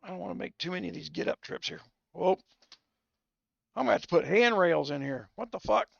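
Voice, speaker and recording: A tipsy, hoarse man rambling and cursing as he hosts a live game stream. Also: high voice, lively intonation, fairly quick, dry recording, highs cut off. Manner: rambling and profane, with many restarts. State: tipsy from whiskey; hoarse, losing his voice. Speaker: game livestreamer.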